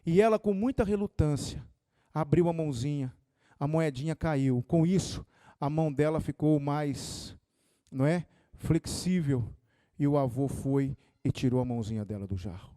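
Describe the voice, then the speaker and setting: A male preacher delivers a sermon with fervor, swinging between loud surges and quiet pleas. His voice sits high for a man. The sound is close and dry. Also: moderate pace, dry recording. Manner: impassioned, rising and falling dynamics. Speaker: pastor.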